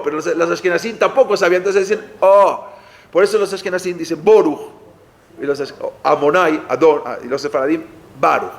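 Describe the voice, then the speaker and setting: Male lecturer, slightly raised pitch, chatty question-and-answer teaching style. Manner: conversational, asks the audience rhetorical questions, frequent "eh" and restarts. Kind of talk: explanatory lecture.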